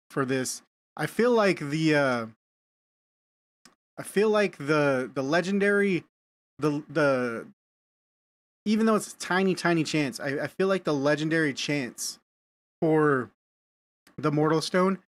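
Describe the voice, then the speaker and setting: A man live-streaming a game, chatting casually with viewers and often repeating words as he thinks aloud. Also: on the high side. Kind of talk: casual live-stream chat while gaming.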